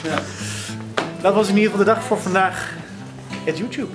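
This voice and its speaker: A man's voice: high voice, moderate pace, music in the background. A young man chatting casually to a handheld camera as he films himself, rambling with lots of fillers, from his attic room to the street and a train. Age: young adult. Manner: rambling, many fillers, self-filming while walking and travelling. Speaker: vlogger. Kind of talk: casual vlog chat. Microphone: handheld camera at arm's length.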